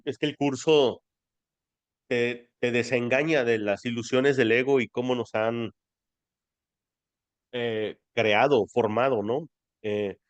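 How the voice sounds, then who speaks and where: A man with a Mexican accent leading a spiritual study group in a chatty, affectionate way, calling his listeners family. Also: mid-range voice. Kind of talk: casual spiritual teaching.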